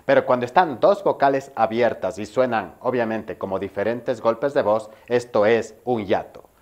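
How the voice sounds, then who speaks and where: A spelling teacher from Ecuador goes through grammar rules step by step for a video lesson, checking in with his viewer as he proceeds. His voice is mid-range and somewhat dark, at a normal speed.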